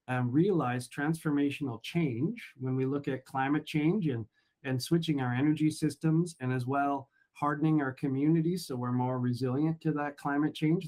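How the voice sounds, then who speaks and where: A man's voice: mid-range voice, a little mellow. A man on city staff answering a councillor at a council meeting, repeating words and using many fillers.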